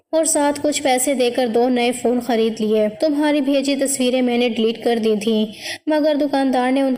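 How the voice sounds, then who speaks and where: A tearful, trembling young man, heartbroken and ashamed, voiced by a woman reading a story. The voice sits fairly high and has a dark, mellow tone. It carries a long hall reverb. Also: natural voice.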